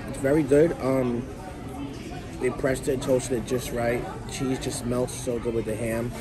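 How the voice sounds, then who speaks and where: A man's voice: mid-range voice, level tone, a little slow. A man food-tasting on a cruise ship deck, talking with food in his mouth and repeating his praise. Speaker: food reviewer. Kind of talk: casual food taste-test vlog. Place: outdoor cruise ship dining area. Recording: noisy deck with music and crowd. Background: music and crowd chatter.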